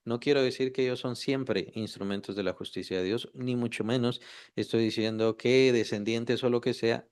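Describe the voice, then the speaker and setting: A man's voice: mid-range voice, fairly even intonation, normal speed, darkish tone, clear, resonant tone. A man leading a Bible study, often repeating key words, rephrasing himself and asking rhetorical questions.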